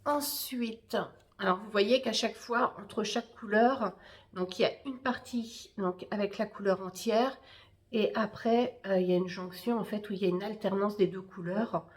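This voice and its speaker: A woman's voice: mid-range voice, fairly even intonation, moderate pace. A woman hosting a knitting podcast, chatting casually and hesitantly with many fillers while showing her work. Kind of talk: casual show-and-tell chat.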